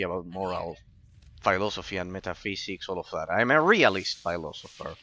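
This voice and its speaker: An Argentine gaming streamer gives casual commentary as he plays, answering chat and rambling about philosophy while often repeating himself. His voice is low yet bright, with a forceful tone.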